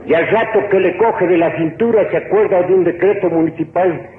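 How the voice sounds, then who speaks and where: Caller acting out a joke on radio. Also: male voice, high-pitched, slight background noise. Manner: quick, acting out an argument. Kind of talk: telling jokes on air. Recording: old tinny radio broadcast, echoey.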